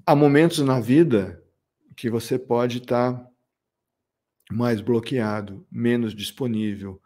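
A man's voice: mid-range voice, slow pace, warm tone. A man giving a reflective motivational talk as a relationship coach, listing points and acting out people's excuses. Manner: reflective, lists points and acts out others' excuses.

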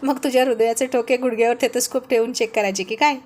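A woman's voice: fairly high pitch, steady tone, fast, darkish tone, slight background noise, natural voice. A woman voicing a teasing bossy husband. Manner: mocking, playful taunts.

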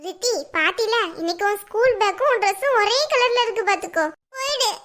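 Woman as a bossy cartoon mother, bright and sharp, fast to scold, quick to soften. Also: very high voice. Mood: coaxing. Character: scolding mother, sharp-tongued but caring. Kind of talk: cartoon voice acting.

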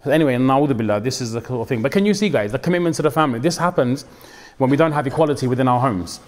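An Islamic preacher gives an informal, conversational sermon in a medium-pitched voice, talking at a racing pace with a big-room sound. He's animated, often acting out what people say and mixing in religious phrases.

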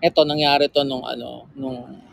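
Gravelly chatty young man on a livestream. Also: mid-range voice, little pitch movement, normal speed, no room sound, low-quality recording. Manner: chatty, teasing, reads fan comments aloud. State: slightly sore throat. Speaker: livestream host. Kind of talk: casual livestream chat with fans.

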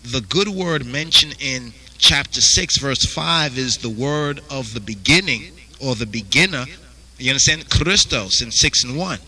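This man speaks at a medium pitch in an expressive, sharp-toned voice and a measured pace, though the recording quality is low. He's teaching a Bible study and reading verses aloud, constantly repeating "you understand?" after nearly every phrase.

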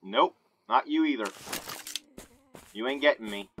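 A man giving casual, excitable commentary while he plays a shooting game, talking to himself into a close mic. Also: medium pitch, a little slow. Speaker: gamer. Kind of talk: gameplay commentary. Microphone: desk mic held close. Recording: noisy home recording.

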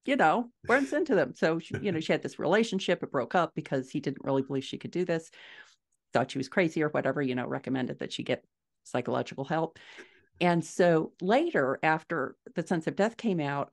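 A middle-aged American guest author and podcaster explains ideas conversationally, thinking aloud during a video interview from her living room. Her low voice moves briskly, with lively intonation.

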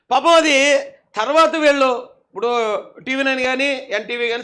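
A man talks through political commentary in a mocking, scolding way, often breaking into laughter. His voice sits very high and sounds bright and forceful.

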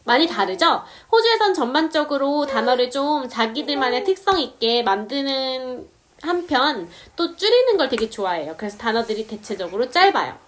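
A woman explaining English words step by step, saying example sentences slowly. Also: high voice, sing-song, fairly bright tone, slight background noise. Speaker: English teacher. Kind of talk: casual video lesson.

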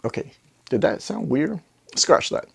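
With a medium-pitched, creaky, husky voice and big swings in pitch, a middle-aged audio gear reviewer talks unhurriedly to camera. His casual video, recorded indoors in a home listening room on a clip-on lapel mic, is full of jokey asides and rhetorical questions.

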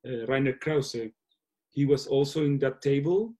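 A filmmaker with a mellow, mid-range voice is interviewed in a casual Q&A over a laptop video call from a small room at home. His English is halting, and he often searches for words.

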